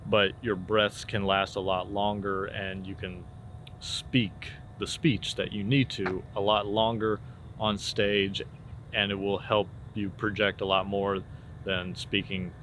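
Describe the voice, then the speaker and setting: A man talking as a casual drama teacher, informally explaining and demonstrating theater warm-up exercises. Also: fairly low pitch, takes it slowly. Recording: clear steady background noise.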